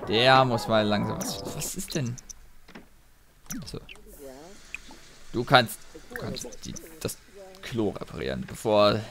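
A man giving casual commentary while playing a video game, talking to his characters in an animated way, with game music behind him. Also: fairly low pitch, slow, long pauses, crowd noise. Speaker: let's play host.

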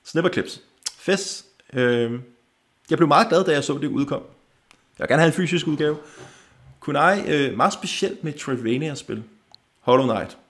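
Gravelly young Danish-speaking man. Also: a little high, lively intonation, fairly bright tone. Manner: quick offhand verdicts with frequent chuckles. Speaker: gaming channel host. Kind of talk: casual livestream chat.

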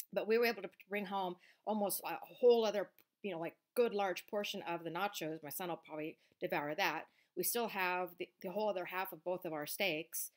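A middle-aged woman with a slightly low voice chats her way through a restaurant review from her living-room couch. She rambles casually, frugal and full of fillers, into a webcam mic.

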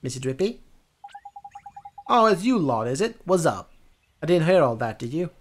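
Streamer reading game lines aloud, a man, lively pitch, fairly high voice, faint music behind. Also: normal speed. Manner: reads every character's lines himself, animated. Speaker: lets-play streamer.

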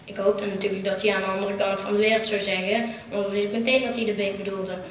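A woman's voice: medium pitch, fast, slight background noise. Woman telling comic stories on stage. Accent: Brabant Dutch. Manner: storytelling with punchlines, lively. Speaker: carnival stage performer. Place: small theatre stage. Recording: roomy, distant amateur stage recording.

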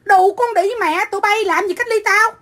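A middle-aged woman from Vietnam, ranting into her phone on a livestream. Her voice sits high and cuts bright and sharp as she hurls foul-mouthed, combative insults. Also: moderate pace, slight background noise. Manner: profane, combative, shouting insults. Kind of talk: angry livestream rant.

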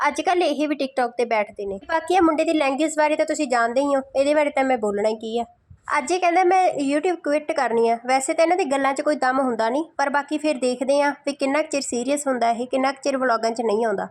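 A woman's voice: high voice, quick pace. A woman giving mocking, insulting roast commentary in a scolding, sarcastic tone.

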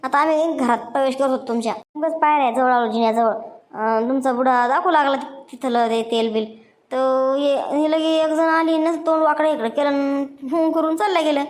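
A woman's voice: sits high, steady tone, moderate pace, close to an everyday voice. A woman voicing a chatty, meddling middle-aged village woman visiting neighbours in a cartoon. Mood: gossipy complaint. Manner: nagging, chatty, defensive. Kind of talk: cartoon voice acting.

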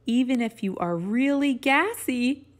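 With an expressive, high-sitting voice and a measured pace, a middle-aged woman teacher reads a picture book to children. She gives casual instruction along the way, using simple, encouraging phrases for her young audience.

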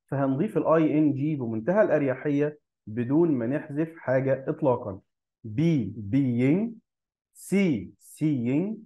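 A man with an Egyptian Arabic accent teaching an English grammar lesson, explaining step by step and slowing down to spell out example words. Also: mid-range voice, muffled recording.

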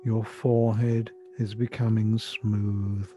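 Older man, slow unhurried delivery, low-pitched soft breathy voice, soothing guided meditation. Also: level tone. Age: 60s or older. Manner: soothing, measured, gentle instructions. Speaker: relaxation therapy guide. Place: furnished room at home. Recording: dull lo-fi sound, music behind. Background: music.

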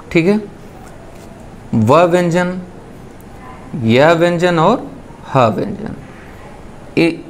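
A man with a slightly high voice teaches a shorthand lesson, explaining each point patiently and stopping often to check that it is clear. A faint room noise sits behind him. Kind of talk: step-by-step lesson.

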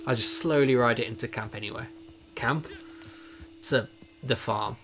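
A man's voice: medium pitch, moderate pace, creaky, a bit bright, soft background music. A young adult man giving casual, rambling gameplay commentary as a streamer, chatty and self-amused.

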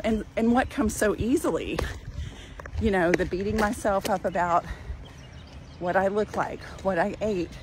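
A woman's voice: medium pitch, low-quality recording. An older woman talking in a casual, encouraging way to her viewers as she walks outdoors, filming herself with a phone at arm's length. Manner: warm, encouraging, chatty. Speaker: cooking channel host. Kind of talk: casual walking vlog. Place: outdoors in a parking lot. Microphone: phone held at arm's length. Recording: outdoor phone audio with clear background noise.

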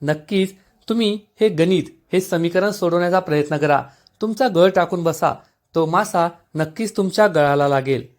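A gentle young elder sister who patiently explains and reassures, read by a man. The voice sits slightly high and stays level and calm. It is a plain read, not a strongly acted one. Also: moderate pace, close to an everyday voice.

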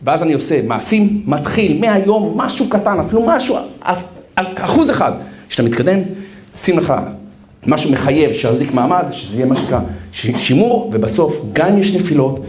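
A man, a rabbi, giving a live sermon with lively storytelling and acted-out quotes in a large hall. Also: fairly high pitch. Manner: animated, acts out quotes, addresses listener as brother. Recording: roomy hall echo.

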